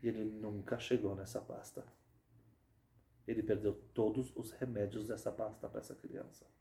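A man, telling a sermon story dramatically, dropping low and soft, then building to loud outbursts. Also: fairly even intonation, normal speed, reverberant, a little hiss or hum. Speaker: religious speaker.

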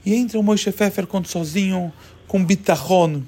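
A high-voiced man narrates a children's story with animated delivery. He lingers on dramatic pauses and keeps his listeners hooked.

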